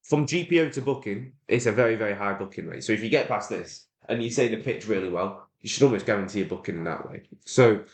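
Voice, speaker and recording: A man's voice: lowish voice, fast, few pauses, reverberant. A man teaching a course in a loose, casual way, full of "um"s and offhand swearing. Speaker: course instructor. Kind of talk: casual screen-share tutorial.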